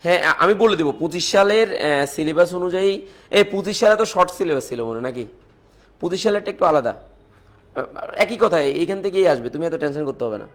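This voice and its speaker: In a live online chemistry lesson, a Bangladeshi Bengali-accented man talks fast in a high, expressive voice. He walks through each calculation step by step, goes back over important points, and replies to comments from viewers.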